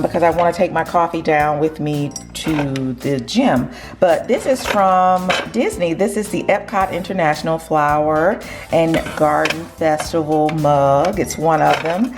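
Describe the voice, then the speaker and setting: A woman vlogging casually from her home kitchen in a groggy early-morning voice, chatting and rambling with fillers. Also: deep voice. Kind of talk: casual chat to camera.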